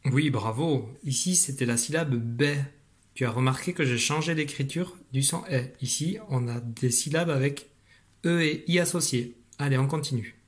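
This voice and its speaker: The voice is medium-pitched and at normal speed. A man who teaches primary school is giving young children a reading lesson by video from a computer at home, patient in his explanations and encouraging throughout.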